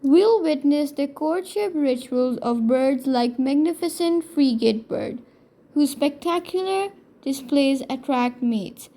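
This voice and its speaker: A woman's voice: high voice, dark tone. A woman reading scripted documentary narration as host of a nature video, in an earnest, presentational manner.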